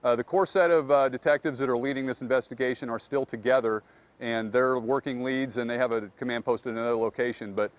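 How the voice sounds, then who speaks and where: Guarded police captain, fast and measured. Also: male voice, mid-range voice, steady tone, lo-fi sound. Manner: measured, guarded, many "uh" and "you know". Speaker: police captain, investigation spokesman. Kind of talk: live TV news interview.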